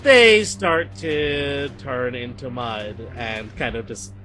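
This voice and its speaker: Bright-voiced male game master. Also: medium pitch, takes it slowly, faint music behind. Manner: playful, laughs often. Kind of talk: narrating a tabletop game.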